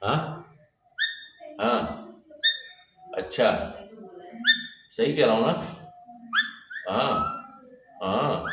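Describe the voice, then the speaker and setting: Slow-talking man in an echoey room. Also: lowish voice, noisy background. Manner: slow, affectionate coaxing of his birds. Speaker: vlogger showing his pet birds. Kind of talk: casual vlog talk to viewers. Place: hot home space with bird cages.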